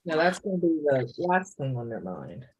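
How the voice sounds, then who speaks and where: A woman co-hosting a casual late-night sewing chat, playful and quick to laugh. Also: a bass voice, very animated, a little mellow, slight background noise, rough recording. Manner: playful, laughs easily, makes silly sound effects. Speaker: co-host.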